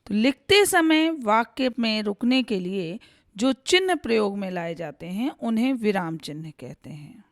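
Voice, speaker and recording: A woman Hindi teacher giving a slow, deliberate grammar lesson, recorded close to the mic. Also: a little high, a bit bright, no room sound.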